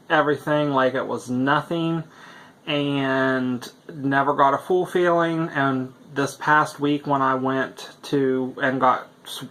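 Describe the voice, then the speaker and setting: A man's voice: mid-range voice, fairly bright tone. A man talking in a casual video diary, rambling with lots of fillers while he eats. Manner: chatty and rambling, with many fillers; talks while eating. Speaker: vlogger.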